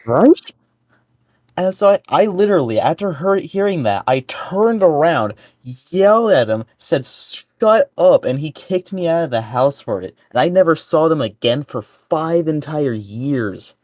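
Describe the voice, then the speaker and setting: Guest on a casual podcast, mid-pitched voice, dry sound, heated and profane. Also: animated, unhurried, darkish tone, no echo. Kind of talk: casual chat.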